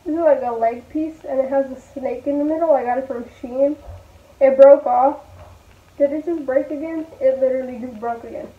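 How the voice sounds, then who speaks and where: This is a casual packing vlog from a twenties-aged woman who chats with viewers and thinks aloud as she folds clothes into her bag. Her intonation stays fairly even and her pace moderate. A phone placed low on the floor of her small bedroom captures echoey, tinny sound.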